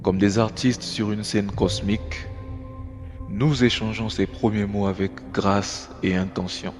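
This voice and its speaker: A man's voice: fairly low pitch, steady tone, unhurried, soft background music. A man teaching English pronunciation and greetings in a patient, explanatory way, often checking in with "ok?". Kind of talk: explanatory language lesson.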